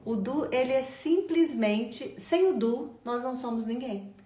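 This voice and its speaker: A middle-aged woman teaching an online English lesson, repeating phrases slowly for her students. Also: on the high side, expressive, mellow. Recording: echoey room.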